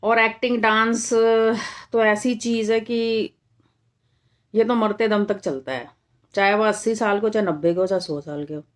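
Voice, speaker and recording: A woman's voice: medium pitch, fairly even intonation, moderate pace. A middle-aged woman from India hosting a casual live stream, talking straight to her viewers and firmly rebutting comments, repeating her points for emphasis.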